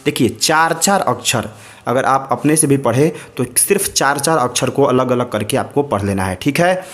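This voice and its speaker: A man teaching a recitation lesson, chanting each word slowly syllable by syllable and repeating it, between spoken explanations. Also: medium pitch, expressive, a bit bright.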